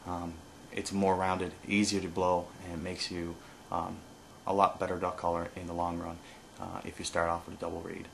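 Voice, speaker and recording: A man giving an informal hands-on tutorial as an instructor, explaining haltingly with pauses and no script. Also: low voice, monotone, gravelly, fairly bright tone, slight background noise. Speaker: duck-calling instructor.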